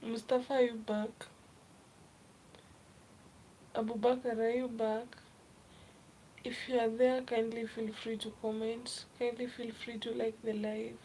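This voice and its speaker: A young woman from Kenya chatting casually on a live stream, reading viewer comments aloud and often dropping to a soft, half-whispered voice. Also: fairly high pitch, level tone, a little slow, long pauses, slight background noise, rough recording. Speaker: livestreamer.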